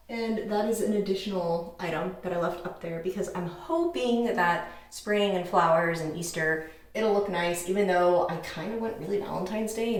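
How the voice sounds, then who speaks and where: A woman's voice: on the low side, distant mic. Woman rambling about decor in an empty bathroom, lots of echo, a bit off mic. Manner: chatty, thinking aloud. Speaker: home decor vlogger. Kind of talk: casual chat while decorating. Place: mostly empty echoey bathroom.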